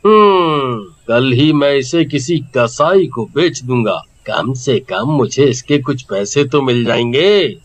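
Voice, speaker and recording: A man's voice: mid-range voice, expressive, lo-fi sound. A man voicing a greedy, scheming old village merchant in a cartoon story, humming and grumbling with scorn. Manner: grumbling, drawn-out hums, scornful.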